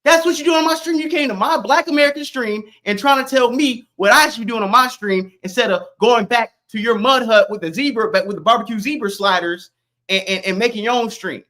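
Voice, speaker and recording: A man's voice: very high voice, a little fast, sharp tone. A man from Florida streaming live, ranting at his chat in a brash, confrontational, mocking way.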